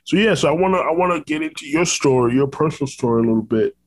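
A man's voice: a little high, lively intonation, quick pace, poor audio. A man born in Brooklyn and raised in Orlando, hosting a podcast interview, earnest and affirming, with frequent fillers. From born in Brooklyn, New York, raised in Orlando. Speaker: podcast host. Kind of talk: conversational interview.

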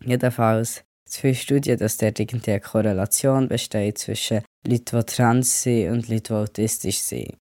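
A man's voice: lowish voice, fairly even intonation, normal speed, hardly any pauses, a little mellow, no echo, clean studio sound. A young man who has a cold, hosting a casual solo podcast and rambling on with English words mixed in. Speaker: podcast host.

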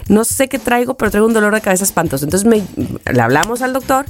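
A woman's voice: medium pitch, fast talker. A middle-aged woman with a Mexican accent, a podcast co-host chatting casually and acting out the voices in her anecdotes. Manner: animated storyteller who acts out quotes. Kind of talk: casual chat, storytelling.

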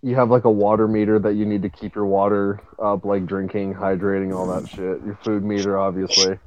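A man's voice: fairly low pitch, little pitch movement, fairly quick, muffled recording, a crowd in the background. A young man rambling casually on a podcast, full of fillers and swearing. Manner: rambling, profane, filler-heavy. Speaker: podcast co-host. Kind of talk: casual chat.

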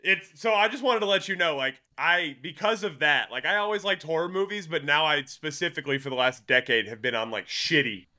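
A man in his late twenties co-hosting a podcast, joking and emphatic with plenty of swearing. His voice is bright and forceful, sitting a little high for a man. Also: brisk, few pauses. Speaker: podcast co-host. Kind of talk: casual podcast chat.

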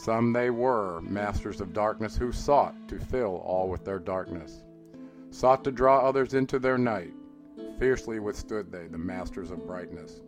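Over soft guitar music, a deep-voiced man gives a solemn, dramatic reading of an old mystical text. His pace is slow and declamatory, with his voice lifting on the calls and dropping down as each line ends.

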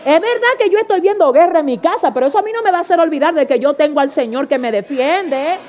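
A woman preaching a fervent sermon, swinging between loud exclamations and soft pleading, calling out to her congregation. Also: high voice, lively intonation, fast talker, some chatter behind, a little hiss or hum. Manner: calls out to the congregation, asks for responses. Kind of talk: Pentecostal-style sermon.

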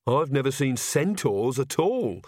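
A man's voice: mid-range voice, very animated, unhurried, a little mellow, dry recording, studio quality. A man voicing an anxious young woman witch in an audiobook, nervous and hesitant.

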